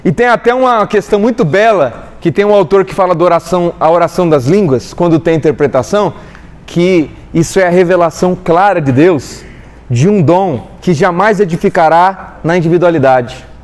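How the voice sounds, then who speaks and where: A young Brazilian man delivers a sermon from the front of a church hall. His voice sits high, and he is a lively storyteller who plays every character in his anecdotes himself. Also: normal speed. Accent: Brazilian Portuguese. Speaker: preacher.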